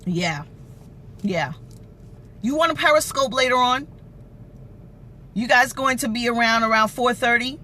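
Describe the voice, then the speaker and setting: A woman's voice: unhurried, pauses often, bright, forceful tone. A woman giving an informal motivational talk to live viewers, emphatic and repeating phrases for effect. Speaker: motivational livestream host. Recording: noisy livestream with low rumble.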